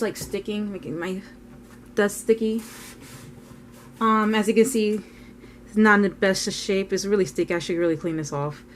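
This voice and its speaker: An art vlogger, a woman with a medium-pitched voice, chats casually while she paints, rambling and thinking out loud. There's a little background noise in the recording.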